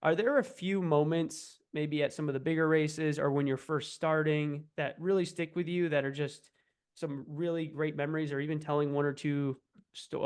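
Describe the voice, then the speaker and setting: A man's voice: a little high, clean tone. A man hosting a podcast, encouraging his guest with long, rambling questions. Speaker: podcast host. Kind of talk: casual interview.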